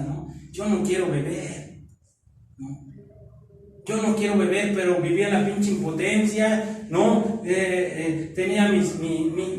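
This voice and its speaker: A man giving a halting, repetitive personal testimony full of coarse slang at a recovery group meeting. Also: high-pitched, a little hiss or hum. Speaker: recovery group member sharing his story. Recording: very echoey room, voice far from mic.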